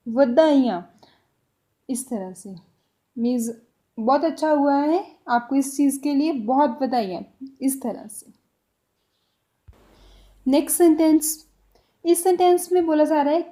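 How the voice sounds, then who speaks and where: A young woman teaching a spoken language lesson, repeating each example phrase slowly and deliberately. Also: high-pitched, mellow.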